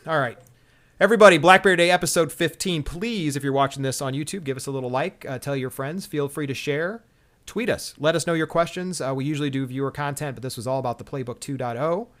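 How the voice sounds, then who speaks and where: Fast-talking griping man. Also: on the high side, fairly bright tone. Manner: griping, exasperated. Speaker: tech show co-host. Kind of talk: casual tech review chat.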